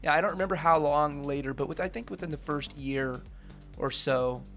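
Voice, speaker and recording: A man's voice: fairly high pitch, a little fast, fairly bright tone, faint music behind. A man in his thirties, a radio interview guest, speaking earnestly and reflectively with lots of "you know" and "right?". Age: 30s.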